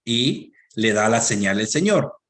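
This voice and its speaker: Very animated yet measured in pace, a man with a Latin American Spanish accent preaches, reading scripture aloud and speaking directly to his congregation. His delivery rises to loud, emphatic peaks and falls to quiet, low asides.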